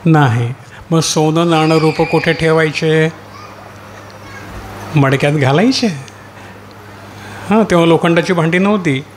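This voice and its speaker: A man's voice: fairly high pitch, unhurried, pauses often, slight background noise. A man preaching a sermon as pastor in a church hall, putting rhetorical questions to the congregation and calling out hallelujah.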